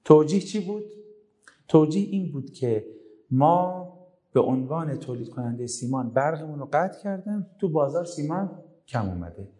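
A man's voice: on the high side, animated, warm tone. A middle-aged man lecturing students on making demands, emphatic and full of rhetorical questions. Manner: emphatic, rhetorical questions, acts out quoted voices. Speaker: university lecturer.

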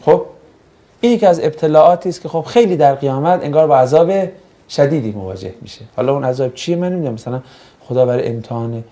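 A man's voice: on the high side, expressive, warm tone. A man teaching a classroom lesson, joking and putting questions to his students. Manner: jokey, asks the class questions and banters. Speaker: religious studies teacher.

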